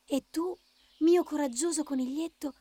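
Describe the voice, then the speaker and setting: A woman voicing a small breathless flower fairy who speaks in a hurried, urgent way. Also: high voice, mellow, no echo, pitched above the performer's own voice, close to an everyday voice.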